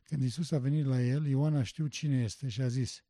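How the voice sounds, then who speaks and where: Male preacher, dark warm voice, passionate emphatic delivery, dry recording. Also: mid-range voice, fairly even intonation, dry recording. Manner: emphatic, rising to loud passionate stress; rhetorical questions. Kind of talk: sermon.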